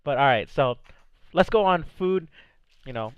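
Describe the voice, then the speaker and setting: A man's voice: fairly high pitch, expressive, measured pace, clear, resonant tone, no room sound, dull audio. A young man hosting a casual podcast, upbeat, chatting with friends and reading chat messages aloud. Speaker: podcast host.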